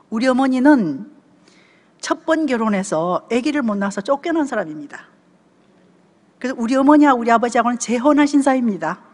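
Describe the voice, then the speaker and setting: A woman's voice: on the high side, big-room sound. A woman in her seventies with a Gyeongsang accent, telling stories in a church seminar talk and often checking in with the audience. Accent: Gyeongsang Korean. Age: 70s. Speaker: church deaconess giving a family seminar talk. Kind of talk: conversational sermon talk.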